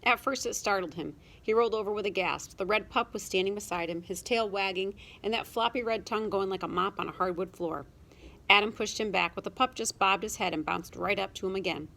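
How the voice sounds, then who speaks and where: A woman narrating a children's storybook with a lively, expressive reading. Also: mid-range voice, brisk, vocal fry. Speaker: audiobook narrator.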